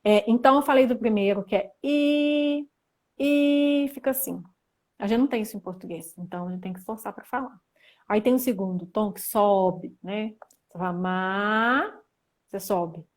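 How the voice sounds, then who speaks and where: Young Brazilian woman, chatty livestream teacher, medium pitch, talking to viewers through a phone mic. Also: brisk. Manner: chatty, reads viewer comments aloud, animated. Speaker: livestream host teaching Mandarin. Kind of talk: casual livestream lesson.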